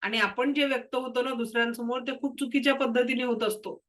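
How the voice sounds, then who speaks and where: A woman's voice: fairly high pitch, fairly even intonation, quick pace, a bit bright, poor audio. A woman teaching a reiki class. She has a cold and cough, and she explains patiently with case stories. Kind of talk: spoken lesson to students.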